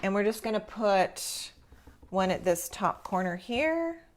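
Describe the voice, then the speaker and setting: A woman's voice: medium pitch, big pitch swings, a little slow, slight background noise. A woman hosting a live craft tutorial, talking informally and encouragingly as she explains each step. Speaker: craft class host.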